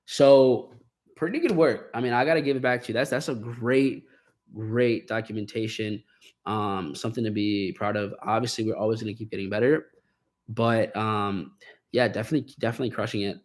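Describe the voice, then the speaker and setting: A man's voice: on the low side, steady tone, fairly quick. Upbeat man coaching on a live stream. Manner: upbeat, encouraging, with many fillers and restarts. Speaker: trading coach hosting a live Q&A. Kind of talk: casual live-stream talk.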